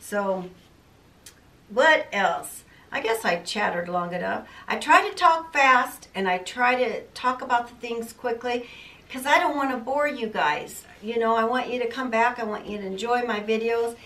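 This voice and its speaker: A woman's voice: a little high, fairly bright tone. An older woman vlogging casually about her sewing plans, chatty and rambling, in a cluttered home sewing room. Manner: chatty, rambling, self-deprecating. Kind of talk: casual chat to camera. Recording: roomy, mic at a distance.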